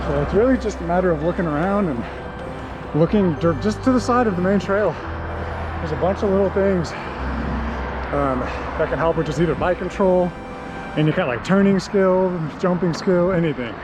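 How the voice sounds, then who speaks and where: A man vlogging outdoors on a mountain bike trail, talking casually with lots of ums and you-knows into an action camera he wears. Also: on the high side. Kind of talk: casual trailside vlog talk. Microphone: action camera worn while riding.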